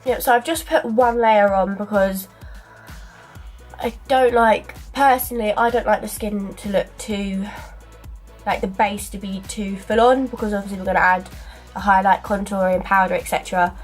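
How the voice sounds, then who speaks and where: Stuffy from a cold, a young beauty vlogger chats through a casual makeup tutorial, her mid-range voice steady as she fills pauses with ums and little asides while applying makeup. She talks to a camera at arm's length in front of her in a small bedroom dressing area, with faint music underneath.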